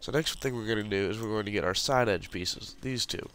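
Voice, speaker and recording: A man with a fairly low, fairly bright voice talks fairly quickly through a puzzle tutorial over a screen recording. He has the flu, so he sounds congested and keeps sniffling. His manner is casual as he walks through the steps while clicking.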